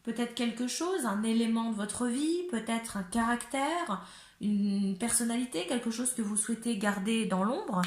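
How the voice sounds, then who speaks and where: A hoarse woman from north-eastern France with a north-eastern French accent, giving a chatty, giggly tarot reading to her viewers, often searching for words. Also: a little high, lively intonation, normal speed, roomy sound. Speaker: tarot reader. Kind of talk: casual tarot reading to camera.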